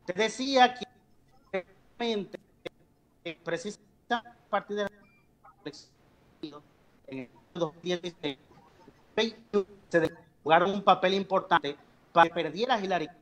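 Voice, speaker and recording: A man's voice: high voice, measured pace, long pauses, a bit bright, poor audio. A man speaking as a guest political analyst in a remote TV interview, his audio glitching and breaking up over the video link as he explains with frequent fillers. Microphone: video call link.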